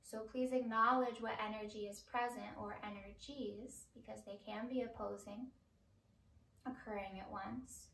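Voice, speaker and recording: A middle-aged woman teaching a guided yoga class in a slow, measured, calming manner. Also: medium pitch, gravelly, slight background noise. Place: indoor home room, on a mat. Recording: roomy, distant microphone.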